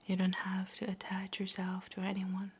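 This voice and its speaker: A woman giving a whispered ASMR pep talk in a soft, breathy whisper, soothing, gentle and encouraging. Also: medium pitch, monotone, normal speed. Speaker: ASMR host.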